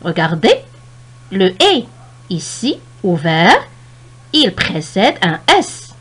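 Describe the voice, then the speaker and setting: A woman teacher explaining French spelling rules step by step, slowly stressing each example word. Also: medium pitch, big pitch swings, slight background noise. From Morocco. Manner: slow, deliberate explanation, stressing and stretching example words.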